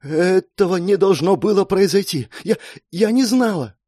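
A man's voice: mid-range voice, lively intonation, fairly quick, a little mellow, no room sound, studio quality, close to an everyday voice. A man voicing a frantic young woman mage who pleads urgently and breaks into curses. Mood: panicked. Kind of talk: audiobook character voicing.

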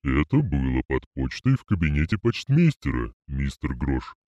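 A man doing a deep, slow clay golem. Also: no echo, dull audio. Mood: solemn. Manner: slow, flat and formal.

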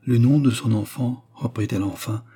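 A man reading a classic novel aloud as an audiobook narrator, in a measured, steady manner. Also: mid-range voice, husky.

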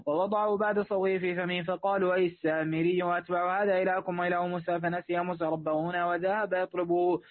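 High, rapid-fire reader on a phone line. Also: male voice, no room sound. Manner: fast monotone recitation with quick self-corrections. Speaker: student reading the text aloud. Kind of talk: rapid reading of a classical commentary.

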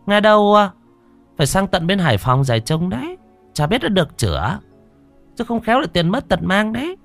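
Man doing a high chatty village gossip, quick and eager, lively voice. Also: vocal fry, faint music behind, full character voice.

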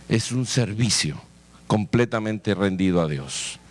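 A man's voice: lowish voice, lively intonation, measured pace. A male pastor preaching a sermon, telling the story dramatically with vivid sound effects and exhorting his listeners directly.

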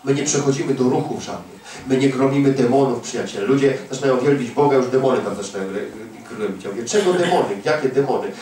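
A man's voice: mid-range voice, fast talker, few pauses, recorded from a distance, slight background noise. Fervent preacher man in an echoey hall. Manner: fervent, emphatic, swings from hushed to near-shouting. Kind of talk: sermon. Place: church prayer hall.

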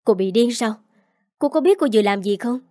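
A woman's voice: on the high side, lively intonation, fairly quick, dark tone, dry recording, clean studio sound, natural voice. A woman playing a haughty mother-in-law. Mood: indignant.

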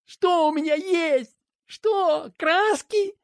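A woman voicing Dima, a young boy who is earnest and upset, in a high pleading voice. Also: very slow, no room sound, studio quality, exaggerated voice.

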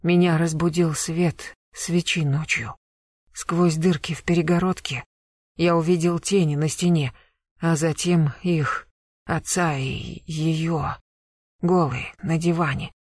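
A dazed young man in his early twenties speaks in a slow, hushed voice, as a reader puts him on. His words come halting and quiet, with a dry, close sound. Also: mid-range voice, steady tone, no echo. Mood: shaken.

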